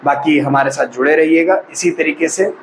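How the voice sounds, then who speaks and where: A man's voice: a little high, moderate pace, a little hiss or hum, low-quality recording. A male maths teacher explaining a lesson to students. He asks them questions and answers them himself, and calls them brother or child.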